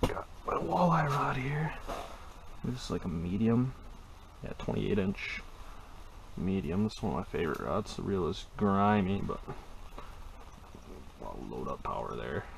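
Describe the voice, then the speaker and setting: Brief: young male outdoors vlogger, gravelly, excitable, noisy body-cam audio. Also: sits low, unhurried, pauses often. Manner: excited, exclaiming. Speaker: ice fishing vlogger. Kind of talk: casual first-person narration. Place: outdoors on a frozen lake, then in an ice shelter. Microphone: body-worn action camera.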